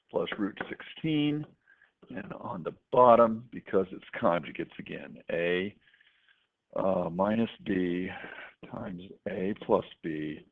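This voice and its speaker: A man's voice: sits low, creaky. A man teaching math, working through problems step by step with casual asides. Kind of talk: worked-example math lesson. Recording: tinny lo-fi recording with faint noise.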